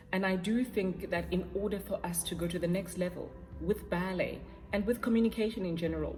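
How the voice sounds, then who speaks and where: A young woman from South Africa, a ballet dancer giving thoughtful, measured interview answers with the odd filler. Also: fairly low pitch, a little mellow. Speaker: ballet dancer and competition juror. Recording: long hall reverb with faint music. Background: faint music.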